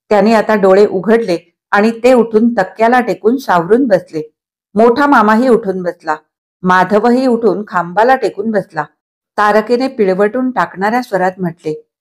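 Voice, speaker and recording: A woman storyteller narrating a novel aloud in a steady, clear reading style. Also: medium pitch.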